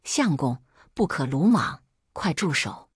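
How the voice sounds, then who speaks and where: A stern young wife, voiced low and authoritative, as a woman narrator puts her on. The voice is slightly husky with a dry, close sound. It is a storybook heroine. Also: sing-song, slow, no room sound, heavily acted. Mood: commanding. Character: young wife, firm and commanding. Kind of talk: storytelling voice acting.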